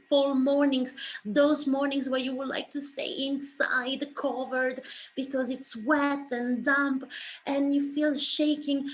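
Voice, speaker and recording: In a presentation, a woman whose first language isn't English performs a story expressively for the audience, acting out dialogue like theater; she is a speaker, writer and director. Her voice sits high, and the poor audio carries slight background noise.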